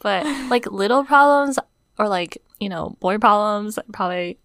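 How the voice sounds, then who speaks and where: A woman's voice: mid-range voice, lively intonation, moderate pace, noisy background. A young woman co-hosting a podcast, talking casually and emotionally, close to tears, with lots of "like". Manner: says "like" constantly, emotional and on the verge of tears. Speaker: podcast co-host. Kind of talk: casual chat.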